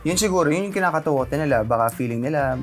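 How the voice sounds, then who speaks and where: A young adult man, an actor and interview guest, telling a personal story in an animated way, laughing often and acting out the voices in it. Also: a little high, rapid-fire, faint music behind.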